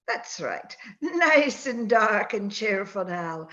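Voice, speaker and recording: A dull, lo-fi recording of an ancient witch, telling bedtime horrors slowly. She cackles with sinister glee and draws out her folksy, old-fashioned words in radio-play style. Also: medium pitch, sing-song, pushed and bright, heavily acted. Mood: sinister relish. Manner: folksy archaic dialect, cackling, drawn-out eerie delivery. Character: cackling 117-year-old witch storyteller, gleefully sinister. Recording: dull, lo-fi video-call audio.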